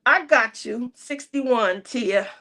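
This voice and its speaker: A woman's voice: fairly high pitch, slow pace, bright, forceful tone. Chatty laughing craft host woman. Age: 30s. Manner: chatty, laughs often, teasing. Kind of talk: casual livestream chat.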